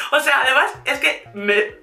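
A woman with a Spain Spanish accent telling a storytime vlog in a lively way, laughing and acting out what others said. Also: sits high, roomy sound. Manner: lively, laughing, acts out quotes. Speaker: vlogger. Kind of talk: storytime monologue.

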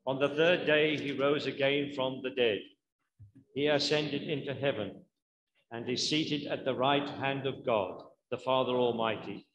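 A man leading a communion service, speaking in a measured, solemn and reverent way into a pulpit microphone. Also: medium pitch, low-quality recording. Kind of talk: liturgical prayer and service instructions.

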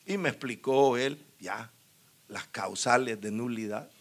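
A man preaching a sermon, telling his own story with lively, acted-out dialogue and frequent laughter. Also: medium pitch, a little slow. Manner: animated storyteller, acts out dialogue, laughs often. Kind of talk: sermon with personal testimony.

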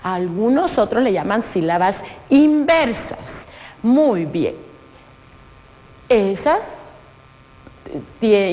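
A woman's voice: on the high side, darkish tone, long reverb tail, rough recording. A Guatemalan woman teaching a televised primary school lesson, patient and sing-song, spelling out sounds and drawing out her explanations for young children. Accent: Guatemalan Spanish.

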